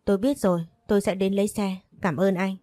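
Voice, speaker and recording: A protective young mother who frets over her small daughter, as a woman narrator voices her. The tone is mellow and soft-edged. The storybook recording sounds dry and close. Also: medium pitch, fairly even intonation, fast talker, no room sound, faint music behind, lightly acted. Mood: reserved.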